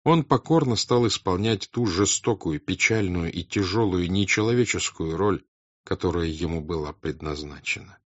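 A man with a very low voice reads literary prose in a slow, grave, deliberate way. The recording is close and dry, with no room sound. The sound is a little dull and lo-fi. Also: dry recording. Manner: measured, grave, deliberate reading. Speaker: audiobook narrator. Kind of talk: scripted literary narration.

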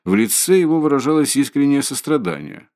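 A man narrating an audiobook reading of a classic novel in a measured, expressive way. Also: mid-range voice.

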